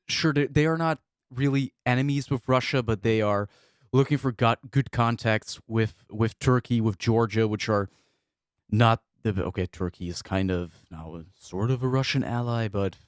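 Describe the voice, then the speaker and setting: A man's voice: fairly low pitch, clean tone, no room sound, studio quality. A man co-hosting a podcast, talking through history in a thoughtful, hesitant way with many fillers. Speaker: podcast co-host. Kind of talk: casual discussion.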